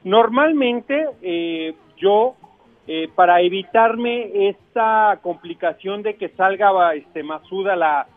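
Man, Mexican accent, high voice, halting casual chef talk, dull dry radio sound. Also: no room sound. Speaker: chef giving radio cooking tips. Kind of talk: casual explanation and chat.

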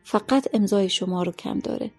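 A woman's voice: medium pitch, a little mellow, husky, faint music behind, natural voice. A woman voicing a stern, ill-tempered male school vice-principal who lectures, in a story reading. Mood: businesslike.

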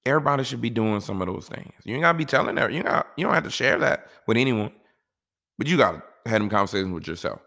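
A man's voice: medium pitch, lively intonation, fast talker, creaky, bright, forceful tone. A man talking casually and giving life advice in a laid-back, rambling way, often saying "you know".

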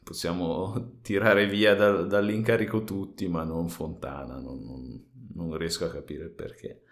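Low-voiced man hosting a casual podcast. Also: steady tone, unhurried. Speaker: football podcast host. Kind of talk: casual chat.

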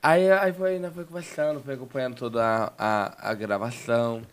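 Man, casual storytelling, rambling, frequent restarts, mid pitch. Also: steady tone, moderate pace, clear, resonant tone. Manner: rambling, repeats words and restarts often. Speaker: guest.

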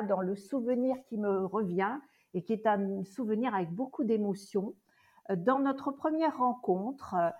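A woman hosting a podcast interview as a coach, speaking in a measured way with small hesitations. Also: medium pitch, a little mellow. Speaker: host and coach. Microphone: remote interview recording.

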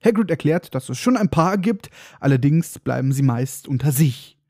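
Sarcastic podcast guy recapping a book, fairly high voice, mellow and dry. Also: lively intonation, normal speed, no room sound. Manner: sarcastic, irreverent, mock-dramatic. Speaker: podcast host.

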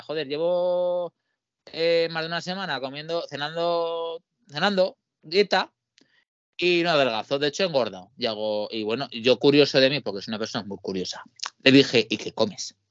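Animated Spanish man telling stories. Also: medium pitch, no room sound, lo-fi sound. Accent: Spain Spanish. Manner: animated storyteller, acts out quoted dialogue. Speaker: podcast co-host. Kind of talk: casual chat, telling anecdotes.

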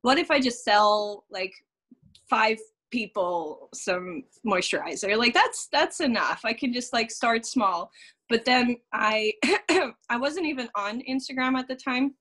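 A woman's voice: on the high side, expressive, a little slow, fairly bright tone. A woman from the Netherlands, in her thirties, chatting as a podcast guest, with many fillers and frequent laughs. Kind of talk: casual interview chat.

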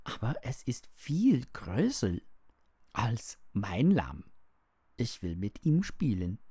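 A man's voice: mid-range voice, sing-song, slow pace, mellow, no room sound, full character voice. A man reading aloud and voicing a small, wonder-struck boy from a cave who asks eager questions. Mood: excited.

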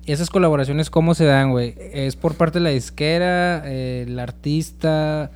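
A man hosting a casual interview, relaxed and slangy, asking questions. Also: fairly high pitch. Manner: relaxed, slangy, quick to laugh along. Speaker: podcast host.

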